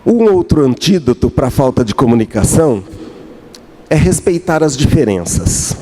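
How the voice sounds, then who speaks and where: A middle-aged pastor with a dark, medium-pitched voice preaches slowly, with big swings in pitch. He repeats key phrases and acts out little dialogues with his wife, and there's a bit of hiss or hum in the recording.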